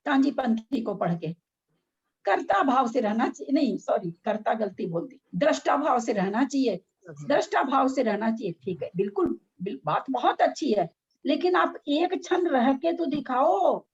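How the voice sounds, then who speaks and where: A middle-aged woman with a high, slightly husky voice argues her point in a casual spiritual discussion. She is frank and fond of rhetorical questions. The sound is dull and lo-fi. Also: very animated, normal speed. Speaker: religious discussion leader.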